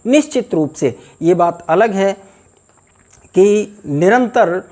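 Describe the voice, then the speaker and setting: A man teaching pronunciation, speaking slowly and emphatically and repeating example words to contrast sounds. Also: high-pitched, lively intonation, a little mellow. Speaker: Hindi teacher. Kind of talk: pronunciation lesson.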